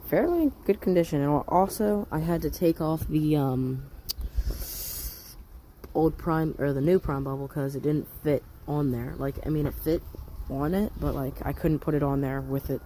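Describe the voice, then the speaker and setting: Warm-toned and a bit high, this young man speaks at a moderate pace as he works on a small engine for his hobby mechanic vlog. His slangy, rambling chat includes self-corrections, captured on a noisy phone outdoors on a rainy deck before moving to a shed.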